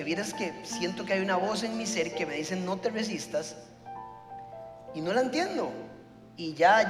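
A pastor preaching a sermon, telling a story and acting out the dialogue. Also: male voice, high voice, reverberant, long reverb tail.

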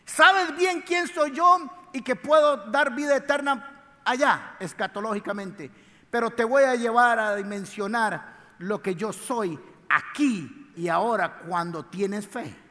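A calm, affectionate Jesus, put on by a preacher, speaks in a high, raised voice, slow and emphatic. The sermon rings out with a long hall echo. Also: male voice. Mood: tender. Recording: echoey hall.

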